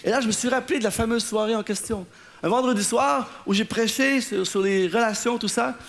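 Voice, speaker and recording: A Canadian pastor preaches a sermon before a live church audience, telling animated stories and acting out the people in his anecdotes as laughter rises from the crowd. His voice is high, brisk and gravelly.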